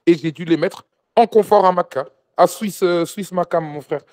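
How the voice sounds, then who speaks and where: A man's voice: sits high, normal speed, darkish tone. A man guest telling a travel-guide story in a casual interview, acting out dialogue with many restarts.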